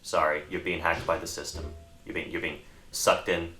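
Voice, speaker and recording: Deep-voiced young man, animated podcast talk. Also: moderate pace, a little hiss or hum. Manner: animated, addresses viewers directly. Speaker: podcast co-host. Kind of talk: casual discussion.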